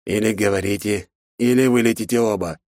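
A man voicing a stern, bossy, middle-aged male academy director in an audiobook, barking and scolding with drawn-out emphasis. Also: lowish voice, fairly even intonation, darkish tone, no room sound, clean studio sound, natural voice. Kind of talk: audiobook character voice.

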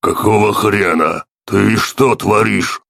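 A hulking gruff mercenary, as a male narrator puts him on, with a low, gravelly roar and slow, heavy delivery. The recording is dry and close. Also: fairly even intonation, fairly bright tone, no room sound, exaggerated voice. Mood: angry alarm. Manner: roaring, growling.

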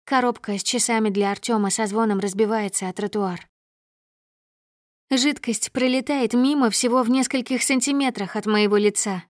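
A woman's voice: on the high side, fairly even intonation, normal speed, no room sound, studio quality. Woman narrating a dramatic audiobook. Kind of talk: first-person audiobook narration.

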